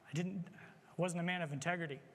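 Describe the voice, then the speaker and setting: A man with a high voice gives an earnest sermon testimony, speaking plainly about his own failings. His voice carries a long reverb, as if picked up in a large church hall. He speaks in a confessional tone and presses his listeners to act. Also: fairly even intonation, quick pace, slight background noise. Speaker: church member giving testimony.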